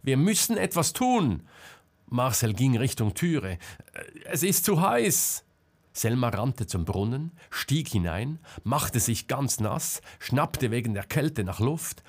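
A man reading a novel aloud as an audiobook narrator, measured and dramatic. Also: medium pitch, a little mellow. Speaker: audiobook reader.

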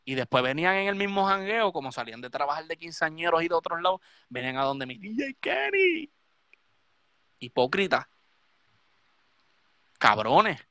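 A man's voice: a little high, fast talker, few pauses, bright, forceful tone, no echo. A Puerto Rican man, a DJ hosting a live stream, ranting drunk and swearing heavily. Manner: profane, heated, repetitive ranting.

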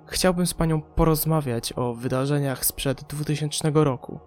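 A man's voice: fairly high pitch, fairly even intonation, normal speed, a little mellow, faint music behind, natural voice. A man voicing a polite, persuasive, ambitious male journalist in an audiobook.

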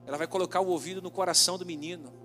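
High-voiced male pastor telling a dramatic story. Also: fairly even intonation, pushed and bright, faint music behind. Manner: dramatic storytelling, slowing down for emphasis. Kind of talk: sermon.

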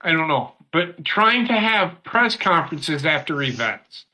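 Woman ranting heatedly with bright lively voice. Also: deep voice, measured pace. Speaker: podcast co-host. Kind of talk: casual chat.

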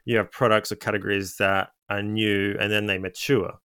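A man's voice: on the low side, level tone, normal speed, bright, forceful tone, clean tone, no room sound, clean studio sound. A man hosting an interview, explaining in a thoughtful, informative way and asking questions. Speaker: podcast host. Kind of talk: casual interview chat.

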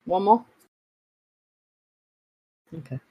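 A man chatting casually while gaming, quick to tease and jumping up in excitement. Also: highs cut off. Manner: animated, jumpy, teasing. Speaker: podcast guest.

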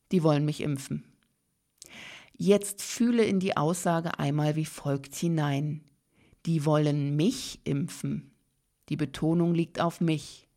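A woman giving a scripted spiritual talk, speaking calmly and addressing the listener directly. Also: low voice, creaky.

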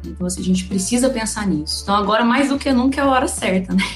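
A woman's voice: medium pitch, racing, faint music behind. A woman from Goiânia, an economist guest explaining finances in a conversational way, often adding little tag words. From Goiânia, Brazil. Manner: conversational, frequent "né" and "então, assim". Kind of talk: explanatory interview talk.

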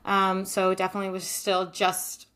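A woman's voice: mid-range voice, monotone, moderate pace, a bit bright. A young woman from Maryland, a former goalkeeper, answering interview questions in a chatty way with many fillers and laughs. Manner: chatty, many likes and ums, laughs often. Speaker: podcast guest, former goalkeeper.

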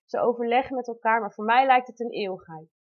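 Woman in her 30s reading a letter to her baby, soft and heartfelt, bit high voice, kinda dull lo-fi sound. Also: fast. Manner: heartfelt, intimate, tender. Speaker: mother telling her birth story. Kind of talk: reading a personal letter aloud. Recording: dull lo-fi recording.

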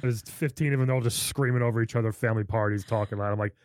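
A middle-aged man, a comedian, telling a story in a casual chat and jumping up high for the voices he quotes. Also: steady tone, very fast, a little mellow, no echo, clean studio sound. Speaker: guest comedian.

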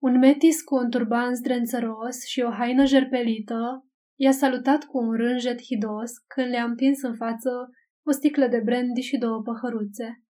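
Brief: female audiobook narrator, measured literary reading, warm, dark-toned voice. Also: fairly high pitch.

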